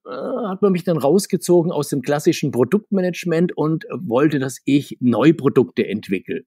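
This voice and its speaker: In a casual video-call interview, a comics marketer in his 60s rambles in a chatty way and laughs between points, seated in a home room full of figures. His mid-range voice is a little mellow with a breathy edge, captured in a dry, studio-quality recording.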